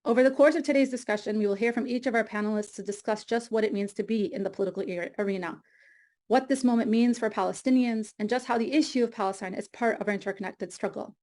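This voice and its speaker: A woman's voice: medium pitch, quick pace, darkish tone. A woman moderating an online meeting, reading formal introductions of panelists from a script over a video call. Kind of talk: read introductions. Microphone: computer mic on a video call.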